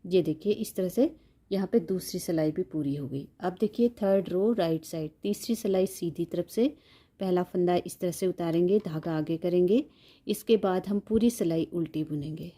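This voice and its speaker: A woman's voice: fairly low pitch, moderate pace, dark tone. A woman giving a step-by-step knitting tutorial, patiently counting stitches aloud and repeating each instruction.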